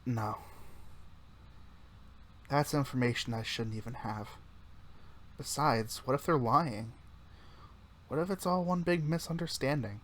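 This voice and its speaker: A man's voice: mid-range voice, a little slow, pauses often, a bit bright. Man reading a visual novel aloud. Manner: casual first-person reading with small slips and self-corrections. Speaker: let's play narrator.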